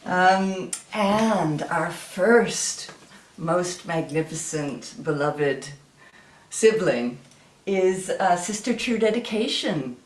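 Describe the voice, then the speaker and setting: An American woman hosting an online event, introducing a speaker in a halting way with frequent ums. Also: lowish voice, expressive. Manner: slow, halting, with many ums. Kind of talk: warm formal introduction. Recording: roomy echo.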